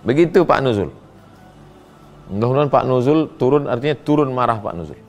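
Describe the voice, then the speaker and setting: A middle-aged man, a preacher answering listeners' questions in a humorous, animated sermon. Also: mid-range voice, brisk, muffled recording, soft background music. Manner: humorous, animated, acts out quoted voices; reads listeners' questions aloud, then answers.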